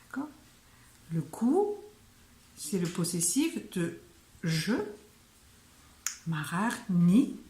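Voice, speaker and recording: Lady teaching words, slow and hesitant, lots of euhs, echoey room. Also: lowish voice, very animated, mellow. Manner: slow, hesitant, many fillers. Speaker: Malagasy language teacher. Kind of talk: casual online language lesson.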